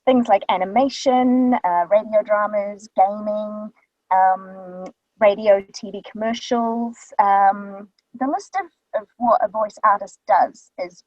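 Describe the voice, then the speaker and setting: Her mid-range voice is steady and a little mellow as she takes her time explaining her voice-artist work, chatting casually with lots of ums. The New Zealand guest speaks into a studio microphone in a small vocal booth, giving a dull, dry sound with no room echo.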